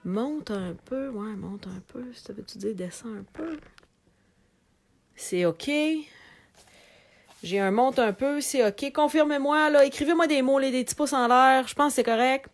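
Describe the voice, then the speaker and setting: A middle-aged woman with a Québécois French accent chats live with viewers while showing craft products for sale. Her voice sits high and her pace is measured, yet she's chatty and animated, addressing viewers directly.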